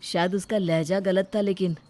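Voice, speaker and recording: A woman voicing a humble, devoted young husband in an animated story, speaking earnestly. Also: lowish voice, normal speed, a little hiss or hum, close to an everyday voice. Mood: subdued.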